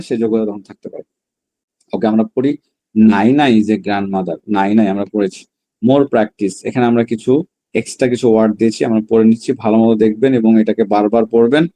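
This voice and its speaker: A man with a dark, mellow voice leads a language class. He sounds out each word slowly and repeats it several times. Between drills he breaks into fast explanations. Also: lowish voice. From Bangladesh. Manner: drills words slowly, then explains in quick bursts. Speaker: Chinese language teacher. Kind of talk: online class lesson.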